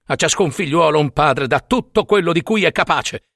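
Brief: man playing a brusque, rude traveler and father, lively tone, dry close sound. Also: on the high side, moderate pace, dry recording. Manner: blunt, brusque, interrupting. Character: curt, rude male traveler, father of two.

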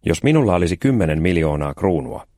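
A man's voice: sits low, sing-song, dark tone, no echo, clean studio sound. A man voicing a cheeky, scheming young boy in an audiobook, eager and bossy in his plans. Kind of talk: audiobook character voice.

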